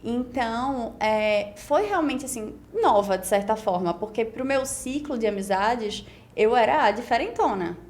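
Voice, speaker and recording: A woman's voice: on the high side, animated, a little slow, few pauses. Young Brazilian woman, reflective podcast guest. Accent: Brazilian Portuguese, Pernambuco. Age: 20s. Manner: reflective, talks in long run-on stretches with frequent "né?". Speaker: guest, beauty pageant winner. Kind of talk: casual podcast interview.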